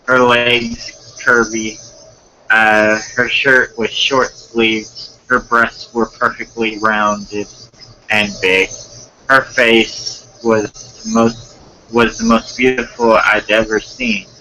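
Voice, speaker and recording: A man reads a fan story aloud to a friend. He is slow and hesitant, with many fillers. His voice is very bright and forceful. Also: medium pitch, a little hiss or hum, rough recording.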